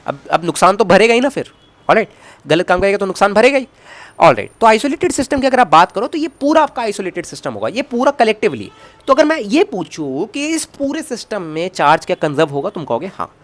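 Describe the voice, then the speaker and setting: A man's voice: sits high, big pitch swings, quick pace, fairly bright tone. A man teaching a physics lecture, coaxing students with constant check questions and jokey asides. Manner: jokey asides and self-talk while writing. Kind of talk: online lecture at a whiteboard.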